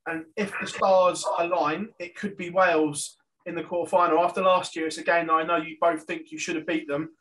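A man's voice: a little high, flat delivery, a little fast, sharp tone. A man asking conversational questions as a sports interviewer. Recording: distant from the microphone.

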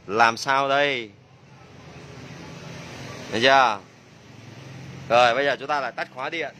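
A man's voice: mid-range voice, steady tone, measured pace, pushed and bright, a little hiss or hum. A man working as a motorbike mechanic, demonstrating a repair and joking and exclaiming to himself as he works. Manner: chatty, jokey, exclaims under his breath.

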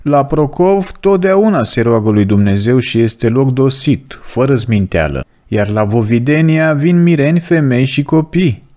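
A man's voice: mid-range voice, animated, hardly any pauses, mellow, lightly acted. A man voicing a proud male demon prince who commands a host of devils, read in a plain storytelling voice. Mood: boastful.

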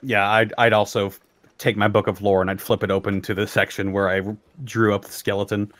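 A man's voice: lowish voice, flat delivery, a little fast, fairly bright tone, dry recording. A man playing a tabletop game, mixing casual roleplay with narration of his character.

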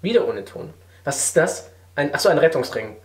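A man's voice: fairly high pitch, big pitch swings, normal speed. A young man giving casual, slangy, mock-serious reaction commentary to the camera in a living room. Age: young adult. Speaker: YouTuber reacting to videos.

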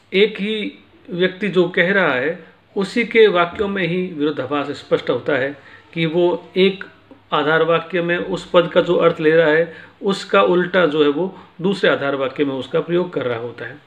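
A man's voice: a little high, highs cut off. A man teaching philosophy in a patient lecture, explaining each point with everyday examples.

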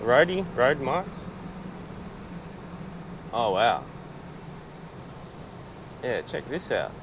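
Australian man, casual vlog chat, laid-back, mid-pitched voice, faint outdoor noise behind. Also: sing-song, extremely slow. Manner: chatty, laid-back, with many fillers and restarts. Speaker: travel vlogger. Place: outdoors on a beach. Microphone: small camera-mounted mic.

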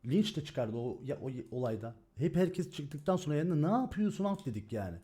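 A man's voice: medium pitch, expressive, fairly quick, mellow, slightly rough. A man streaming and talking casually, ranting in an agitated way and swearing as he goes. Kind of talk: heated casual stream talk.

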